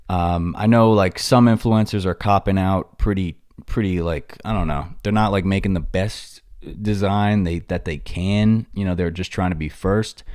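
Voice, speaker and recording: A man's voice: lowish voice, a little mellow, clean tone, dry recording. Laid-back young man, dry close sound. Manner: laid-back and rambling, slangy, with many fillers. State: tired and briefly out of breath. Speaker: podcast host. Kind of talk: casual solo podcast talk. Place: home in Los Angeles.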